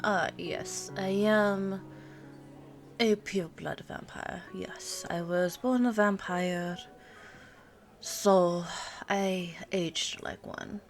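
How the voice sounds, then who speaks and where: A woman with a mid-range voice speaks in a one-sided, intimate ASMR roleplay as an ageless pure-blood vampire girlfriend who looks twenty-nine and is teasing and worldly. She muses unhurriedly, pausing to hum before answering, while soft background music and cafe noise fill the space.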